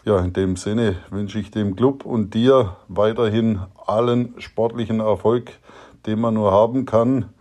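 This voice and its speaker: A man's voice: fairly low pitch, fairly even intonation, a little slow, warm tone. A man, a father recording a fond, reminiscing message to his son, with some hesitant fillers.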